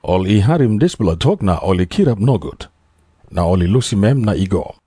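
A man's voice: lowish voice, very animated, fairly quick, mellow, slightly rough, no room sound, studio quality. A man with a Papua New Guinean accent narrating scripture from a script.

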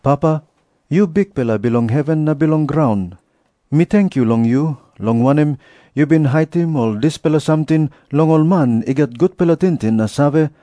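A man's voice: fairly high pitch, moderate pace, dark tone, no room sound, natural voice. Man playing a preaching Jesus, Papua New Guinean accent. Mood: reverent prayer. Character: Jesus, earnest preaching prophet addressing crowds. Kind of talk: dramatised scripture reading.

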